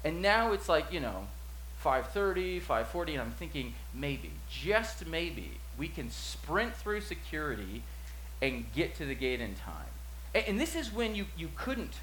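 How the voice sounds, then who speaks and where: A man in his forties preaching a sermon, telling a story with acted-out quotes and swings from loud to hushed. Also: high-pitched. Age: 40s. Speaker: pastor. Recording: echoey room with faint hum.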